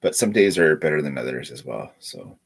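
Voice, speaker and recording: A man's voice: very deep voice, sing-song, brisk, vocal fry, breathy edge. A man with a stuffy nose chatting casually on a live stream, rambling and repeating his words.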